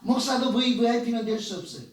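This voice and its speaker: A man's voice: very high voice, fairly even intonation, fast talker. A man preaching a sermon as pastor, talking conversationally and asking the congregation questions. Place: church sanctuary. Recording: echoey church hall, voice from far off.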